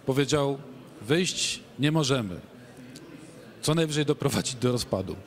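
Mid-pitched guy running a panel, chatty, asking questions, handheld mic. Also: lively intonation, moderate pace. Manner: conversational, poses questions. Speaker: panel moderator. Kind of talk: moderating a panel.

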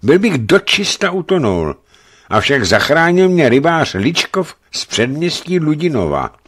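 A man voicing a self-pitying boyar who has been beaten, pleading in a high, tearful voice. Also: very animated, creaky, exaggerated voice. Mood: wailing.

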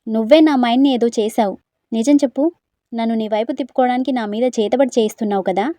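Quarrelsome young woman, raised accusing voice, voiced by a female narrator, warm and dry. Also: fairly high pitch, fairly even intonation, fast talker, dry recording, close to an everyday voice.

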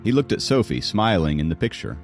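Deep-voiced male audiobook narrator. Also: very animated, a little fast, soft background music. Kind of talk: scripted narration.

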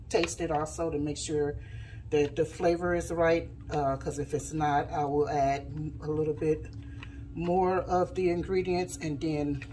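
A woman's voice: low-pitched, warm tone, slight background noise. A woman hosting a home cooking demonstration in her kitchen, chatting casually and stopping now and then to tidy up and explain as she works. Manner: chatty, stops to tidy and explain mid-task. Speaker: home cooking channel host. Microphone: camera on the counter, speaker mostly off frame.

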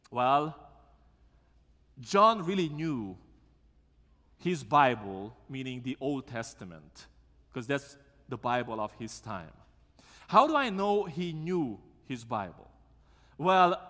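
A man, preaching a sermon as pastor in a church sanctuary and asking the congregation questions. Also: fairly high pitch. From Romania. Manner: lively, asks the congregation questions. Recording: long church reverb.

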